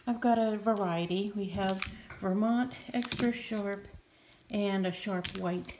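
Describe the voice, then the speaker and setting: Background noise accompanies a slow, steady, mid-range voice. A middle-aged woman narrates her home cooking vlog, filming a family dinner with a handheld phone across kitchen and living room in a homey, talkative style.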